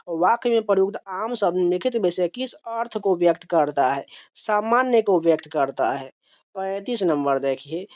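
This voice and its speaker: A woman's voice: medium pitch, a little mellow, no echo. Woman teaching grammar, dull dry recording. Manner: explains step by step, repetitive phrasing. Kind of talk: exam-prep Hindi lesson.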